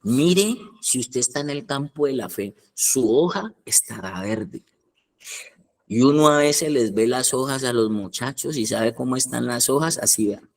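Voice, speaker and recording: A man's voice: medium pitch, lively intonation, unhurried, gravelly. A man preaching a colloquial, emphatic sermon as head of a rehab foundation, hammering points through repetition.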